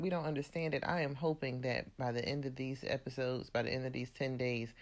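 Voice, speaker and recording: A chatty recap host retelling a reality TV episode in a casual, opinionated way, full of "like" and "you know". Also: medium pitch. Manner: loose, conversational with frequent "like" and "you know".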